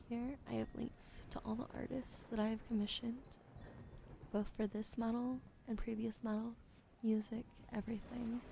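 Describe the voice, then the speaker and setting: Speaking close to a sensitive microphone, a woman hosts an ASMR livestream and talks casually to her viewers, soft-spoken and often dropping into breathy whispers. Her voice sits on the high side, and there's slight background noise.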